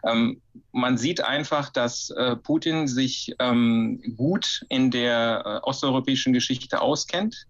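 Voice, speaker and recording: A man's voice: medium pitch, slow, lo-fi sound. A man from Ukraine, a historian answering interview questions with many fillers and restarts. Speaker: historian guest.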